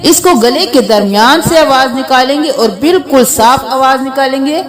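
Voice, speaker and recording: Woman, high voice, Pakistani Urdu accent, patient pronunciation teacher, drawn-out letter sounds. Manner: slow, drawn-out letter names between quick explanations. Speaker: Quran reading teacher.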